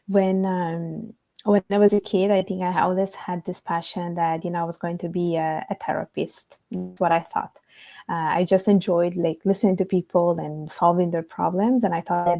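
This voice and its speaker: A young adult woman from Italy, a guest telling her story in a relaxed, reflective interview. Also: lowish voice. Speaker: guest, author. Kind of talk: conversational interview.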